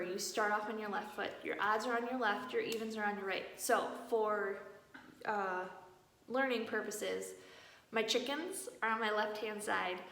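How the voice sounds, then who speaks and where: A woman's voice: mid-range voice, bright, forceful tone. Echoey, distant woman drill instructor calling commands. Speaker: marching band drill instructor. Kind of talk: instructional demonstration, casual explaining with called-out drill commands and counts. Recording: very echoey room, far from mic, faint noise.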